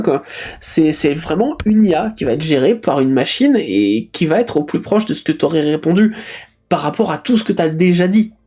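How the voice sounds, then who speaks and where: A man's voice: sits high, mellow. A man hosting a live stream, reading out chat messages and musing on them in a casual, hesitant way, with frequent fillers and restarts. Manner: hesitant, many euh fillers and restarts, thinking aloud.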